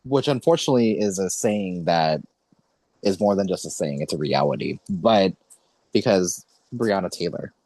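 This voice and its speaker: A man's voice: deep voice, animated, moderate pace, a little mellow, dry recording. A man in his late twenties hosting a podcast, talking in an earnest, rambling way and correcting himself often. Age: 20s. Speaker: podcast host. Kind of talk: casual podcast conversation.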